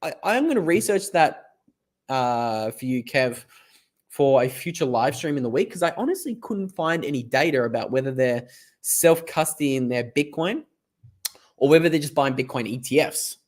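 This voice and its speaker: A hoarse Australian man hosting a live stream in a loose, chatty way. He rambles from point to point and reads viewer comments out loud, his voice a little worn. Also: mid-range voice, lively intonation, normal speed. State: hoarse, lost voice.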